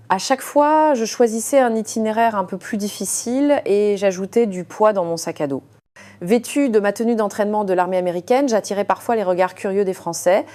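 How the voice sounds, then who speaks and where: A woman narrates a scripted first-person story in a calm, even way. Her voice sits in a middle pitch with a mellow, warm color. She often pauses with small hesitations between phrases.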